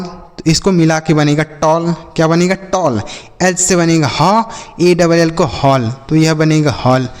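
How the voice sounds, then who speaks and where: A man leads a phonics lesson with a voice pitched a little high. He drills his listeners call-and-response style, asking and answering each question himself and calling them brother and children. His voice rings out with a long echo, as if he were speaking in a large hall. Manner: addresses viewers as "my brother" and "children". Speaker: English phonics teacher.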